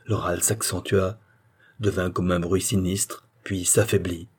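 A man giving a measured, expressive dramatic reading of a short story as narrator. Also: low-pitched, slightly rough.

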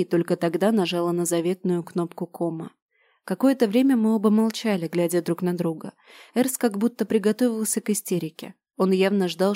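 A woman reading a novel aloud in the first person, calm and measured. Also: lowish voice, no room sound, clean studio sound. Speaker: audiobook narrator. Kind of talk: first-person audiobook narration.

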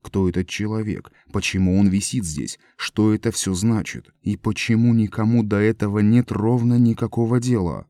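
A man reading an audiobook as narrator in a measured, even storytelling manner. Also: lowish voice, no echo, studio quality.

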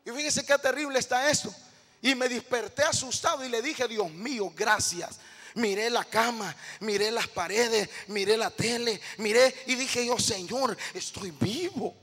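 Man, pastor's sermon, very high voice, bright and piercing, long church-hall reverb. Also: fairly even intonation, normal speed. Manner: impassioned, pleading preaching that swells to shouting. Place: church sanctuary.

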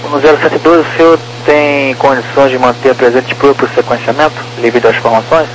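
A man's voice: mid-range voice, steady tone, normal speed. A man working as an air traffic controller, giving clipped procedural instructions over two-way radio. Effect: two-way aviation radio. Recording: slightly noisy, humming radio transmission.

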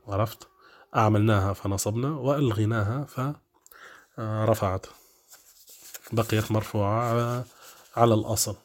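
Low-voiced man teaching grammar. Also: steady tone. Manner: explains step by step with many drawn-out fillers and check questions. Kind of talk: classroom grammar lesson.

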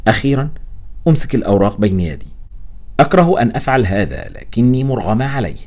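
A man's voice: mid-range voice, very animated, fast, a little mellow. A man giving a tense, dramatic audiobook narration of a first-person story.

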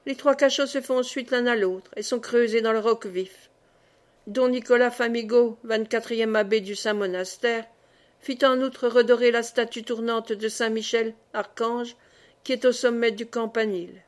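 A woman reading a historical novel aloud in steady, clear scripted narration. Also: fairly high pitch, normal speed. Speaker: audiobook reader.

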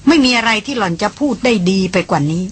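A woman narrating a novel as an audiobook in a steady storytelling manner. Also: on the high side, quick pace, breathy edge. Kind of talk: novel reading.

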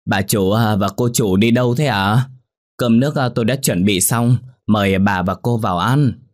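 Man doing a sharp-tongued old servant woman. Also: fairly low pitch, moderate pace, dry recording, studio quality, natural voice. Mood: polite. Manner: scornful, scolding, loud.

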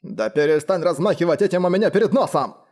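A man voicing a burly, hungover count who bellows gruffly and commandingly in an audiobook. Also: a little high, very animated, fairly quick, a little mellow, voice pushed up. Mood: bellowing. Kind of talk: audiobook character voice.

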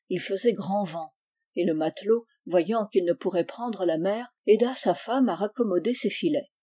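A woman reads a nineteenth-century short story in a steady, measured audiobook style. Her voice is mellow and low in brightness. The pitch sits in an ordinary middle range. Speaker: reader. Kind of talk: literary audiobook narration.

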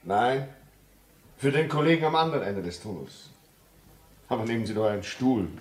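An actor playing a lonely, self-taught railway signalman who is haunted by a ghost, in a classic radio play, speaking slowly and gravely. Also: medium pitch, expressive. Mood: brooding. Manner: slow, grave and brooding, rising when agitated. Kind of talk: classic radio drama acting.

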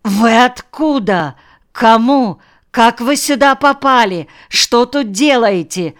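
A woman voicing an indignant, suspicious male cafe director who rattles off rapid questions. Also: on the low side, steady tone.

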